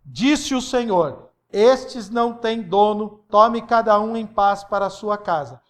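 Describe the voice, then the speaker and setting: A middle-aged man with a Brazilian accent preaching a sermon, reading Bible verses and acting out the speakers with sudden loud bursts and leaps in his voice. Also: sits high, slow pace. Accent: Brazilian Portuguese. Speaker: pastor.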